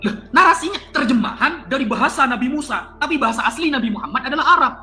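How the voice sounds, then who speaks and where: A man's voice: very high-pitched, lively intonation, quick pace, pushed and bright, faint music behind. Teasing, dismissive male cleric debater. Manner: dismissive, teasing, repeats words. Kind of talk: heated online debate.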